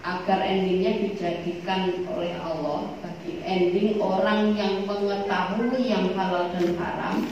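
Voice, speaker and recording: A woman leads a religious study class in a chatty, teasing way, with joking asides. She reads Arabic passages slowly before she explains them. Her voice sounds far from the mic and muffled, and it rings through a large, very echoey hall. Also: fairly low pitch, fairly even intonation, noisy background. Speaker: religious teacher. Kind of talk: religious study lecture to women.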